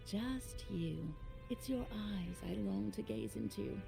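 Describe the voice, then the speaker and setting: A woman's voice: mid-range voice, slow pace, creaky. A woman playing a possessive, hungry female sea creature who seduces mortals in a sultry, tempting game performance. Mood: sultry yearning. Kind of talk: video game voice acting. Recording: music playing behind.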